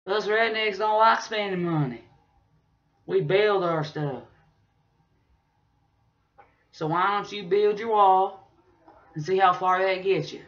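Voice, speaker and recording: Casting: young man as opinionated backwoods redneck vlogger, high-pitched rural drawl, rambling casually, dull lo-fi webcam sound. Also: unhurried, fairly bright tone. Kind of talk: casual vlog rambling in character. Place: small bedroom, indoors. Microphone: webcam or laptop mic at arm's length.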